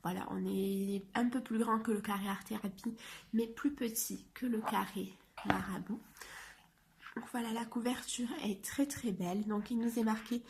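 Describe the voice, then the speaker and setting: A woman reviewing a coloring book in a soft, often half-whispered voice, hesitant and chatty. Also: mid-range voice, fairly even intonation, normal speed, vocal fry, slight background noise. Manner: hesitant, with frequent fillers.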